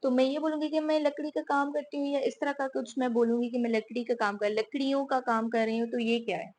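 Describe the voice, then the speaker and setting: A Pakistani teacher talks quickly and casually through English grammar, her high voice fairly even in intonation with a darkish tone. She keeps saying "theek hai" and often checks in with rhetorical questions.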